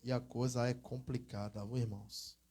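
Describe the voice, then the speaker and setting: A man preaching in a church, teaching through lively anecdotes and acted-out quotes in a casual, conversational way. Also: medium pitch, moderate pace, slightly rough. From Brazil. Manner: conversational storytelling, acts out quoted voices, exclamatory. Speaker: evangelist preacher. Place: church hall.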